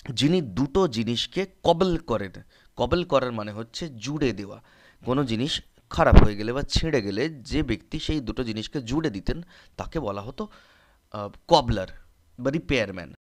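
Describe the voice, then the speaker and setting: A man teaching a literature lesson. He explains in an informal, friendly tone and keeps checking whether students have understood. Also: medium pitch.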